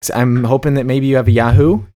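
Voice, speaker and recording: A man's voice: medium pitch, steady tone, fast talker, dark tone. A man co-hosting a casual comedy podcast, playful and mock-serious, reading food news and stumbling over tongue twisters. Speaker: podcast co-host.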